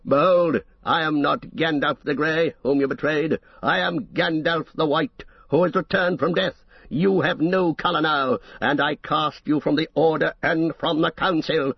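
A man voicing a stern, commanding old male wizard with a husky voice. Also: medium pitch, animated, normal speed, dry recording, dull audio. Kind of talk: audiobook character reading.

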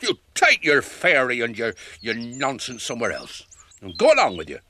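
Noakes: a vain old cook. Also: male voice, medium pitch, wildly swooping pitch, normal speed, bright, forceful tone, slight background noise. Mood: indignant. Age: older. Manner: blustering and scornful, then cringing. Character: vain, lazy, sly old male cook. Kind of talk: radio drama acting.

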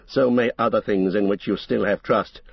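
A commanding old wizard, as a man reads him aloud, speaking sternly in a husky, mid-pitched voice. The recording is dry and slightly dull. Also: steady tone, normal speed, no echo. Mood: earnest. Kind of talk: audiobook character reading.

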